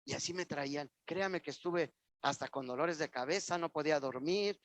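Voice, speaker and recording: High-voiced Mexican pastor preaching. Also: male voice, normal speed, a bit bright, dry recording. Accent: Mexican Spanish. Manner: emphatic, repetitive, addresses the congregation directly. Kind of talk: sermon with personal testimony. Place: church.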